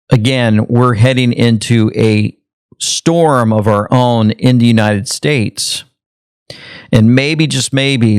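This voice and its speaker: A man's voice: medium pitch, a little mellow, clear, resonant tone, no room sound, studio quality. A man hosting an online commentary show, reacting to news clips in a casual, musing way and reading a sponsor message. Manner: conversational, speculative, repeats phrases.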